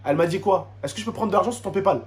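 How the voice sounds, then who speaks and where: Rapid-fire and high-pitched, a French YouTuber with a suburban street accent delivers an indignant rant to camera for his subscribers. Street slang, Arabic interjections, repetition and rhetorical questions run throughout.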